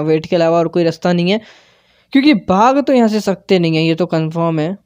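Guy doing jumpy horror game commentary, mellow tone, dry close sound. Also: high voice, dry recording. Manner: tense, excitable play-by-play mixing in English words. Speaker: gaming channel host. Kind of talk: live gameplay commentary.

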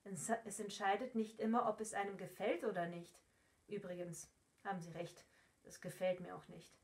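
Gruff male stoker, blunt and plain; woman reader. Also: mid-range voice, level tone, moderate pace, close to an everyday voice. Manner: blunt, matter-of-fact.

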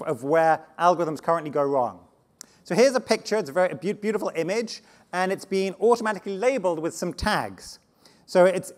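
A man giving a conference talk on slides, animated and often restarting words, speaking to a live audience. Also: sits high. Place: conference stage before an audience.

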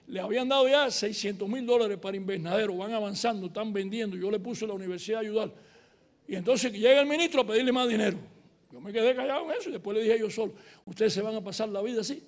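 High-voiced older man lecturing. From Cuba. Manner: storytelling, animated, acts out dialogue. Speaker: university lecturer giving a keynote. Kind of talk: conference lecture with anecdotes.

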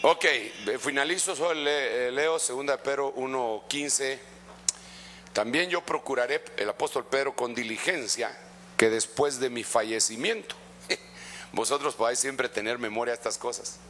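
A middle-aged male pastor with a Guatemalan Spanish accent preaches a sermon at normal speed and medium pitch, with slight background noise. His impassioned yet conversational style swings from loud exhortation to hushed asides, and he addresses listeners as "brother."

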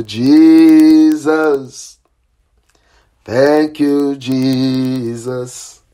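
A man's voice: mid-range voice, dark tone, smooth. A man leading a prayer line as a pastor, praying fervently in a repetitive, chanting and commanding way, with stretches of speaking in tongues. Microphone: phone or call line.

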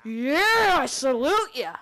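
Excitable woman swearing through gameplay. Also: sits high, takes it slowly. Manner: excitable, swearing, making silly sound effects. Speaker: gamer playing on stream. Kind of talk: casual gameplay commentary.

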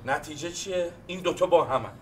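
An actor playing a calm husband who reasons slowly and jokes dryly. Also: male voice, a little high, slight background noise. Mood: deadpan. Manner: slow, deliberate, dryly reasoning. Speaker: father of the missing boy.

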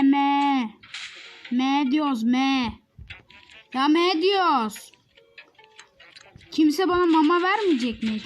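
A child recording playful game commentary, often shrieking and giggling at the action. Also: high voice. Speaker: gaming video maker.

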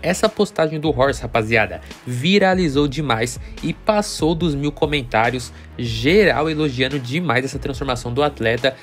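A man's voice: mid-range voice, lively intonation, moderate pace, hardly any pauses, soft background music. A Brazilian man hosting a bodybuilding news channel, narrating casually and speaking directly to his viewers. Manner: chatty, addresses viewers directly as friends.

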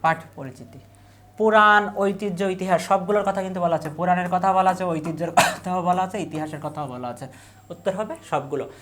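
A woman teacher with a Bangladeshi Bengali accent, leading an exam revision lesson, asking questions and repeating the answers slowly. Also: on the low side, a little hiss or hum.

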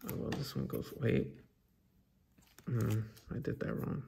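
Young guy opening card packs, gravelly voice, swears a lot, slangy banter, bit of noise n crinkling. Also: mid-range voice, steady tone, unhurried. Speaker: host of card pack opening video. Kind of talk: casual chat while opening card packs. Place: indoors at a tabletop. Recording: noisy room with card and wrapper crinkling.

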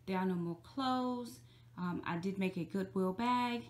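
A middle-aged woman talks straight into her phone camera at home, chatty and upbeat, and she leans on certain words to stretch them out. Her voice sits at an ordinary middle pitch for a woman. The sound is close and plain, like a phone held at arm's length in a bedroom. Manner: chatty and upbeat, drawn-out emphasis. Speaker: vlogger. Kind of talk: casual cleaning vlog.

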